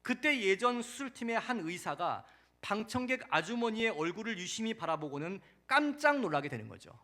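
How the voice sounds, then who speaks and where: A male pastor preaching a sermon in a church, telling a story dramatically with loud emphatic peaks and soft, dropping sentence endings. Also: sits high, very animated, normal speed.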